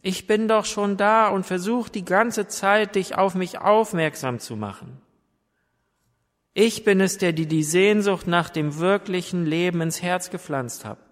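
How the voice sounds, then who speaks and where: A man voicing Jesus as a gentle grown man who asks soft, pleading questions. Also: high-pitched, unhurried, pitched above the performer's own voice. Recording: long hall reverb.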